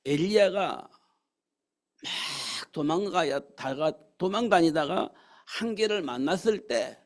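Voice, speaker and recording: Gravelly-voiced man preaching a sermon. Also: a little high. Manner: preaches with rhetorical questions and acted quotes of God's words. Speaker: pastor. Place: church sanctuary.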